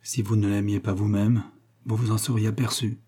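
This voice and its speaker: A man reading the lines of a sad, self-sacrificing young man in love, delivered in a quiet, restrained way in an audiobook. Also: on the low side, measured pace, husky.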